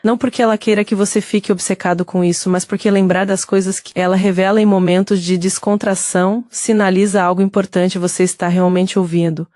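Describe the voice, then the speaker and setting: A woman with a Brazilian Portuguese accent giving steady scripted narration that speaks directly to the listener. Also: mid-range voice, brisk, hardly any pauses, no room sound, studio quality.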